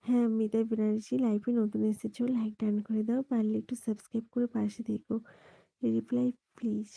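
A woman from West Bengal hosts a late-night live stream from home, keeping her voice soft and hushed, close to a whisper. Her tone is very dark and gravelly, with a husky edge. She sounds dry and close on the phone mic with no room around her. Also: fairly high pitch, little pitch movement, a little fast, no room sound, low-quality recording. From West Bengal, India. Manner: greets viewers by name and repeats the same subscribe request. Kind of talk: late-night live-stream chat reading out viewer comments.

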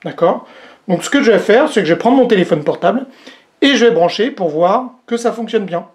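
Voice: medium pitch, lively intonation, fairly quick. A vlog host doing a casual unboxing demo, talking straight to viewers, with many hesitant fillers and a joke about their own English accent. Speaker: host reviewing a product.

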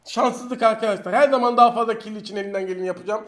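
A man commentating his own mobile battle royale match in Turkish-accented speech, excitable and taunting the opponents he fights. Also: high-pitched, racing, a little hiss or hum. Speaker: mobile game streamer. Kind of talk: live gameplay commentary.

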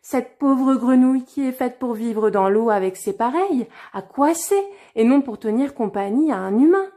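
A woman gives voice to a spoiled young princess in a storybook, haughty and easily scared. The voice sits a little high but stays mellow and warm. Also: animated, moderate pace, close to an everyday voice. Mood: disdainful. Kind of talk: storybook reading.

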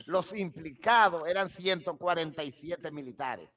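A man, a guest crime analyst speaking deliberately and emphatically into a studio microphone in a home office. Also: fairly high pitch, bright, forceful tone. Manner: deliberate, emphatic, gestures while explaining. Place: home office with shelves and flags. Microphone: studio mic on boom arm.

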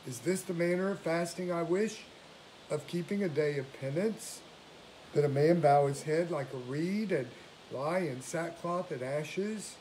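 Solemn older male priest, fairly high voice. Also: darkish tone, poor audio. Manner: solemn, measured, formal delivery. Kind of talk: liturgical prayer and scripture reading. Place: small domestic room indoors. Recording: faint background hiss, home recording.

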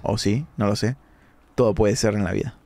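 Hombre ronco comentando partida. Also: male voice, lowish voice, moderate pace. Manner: animated, dramatic outbursts at the game. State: hoarse, sore throat. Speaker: gaming streamer. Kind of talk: live-stream gameplay commentary.

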